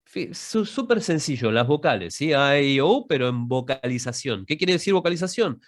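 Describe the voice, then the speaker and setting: Expressive and a little fast, his mid-range voice guides an online public speaking class over video. He talks through breathing technique and demonstrates vowel drills as part of the masterclass.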